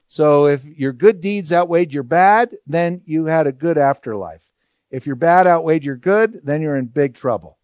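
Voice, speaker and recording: A man's voice: fairly high pitch, lively intonation, moderate pace, darkish tone, clear, resonant tone, no room sound. A man teaching a Bible study verse by verse, explaining in a conversational way and asking rhetorical questions.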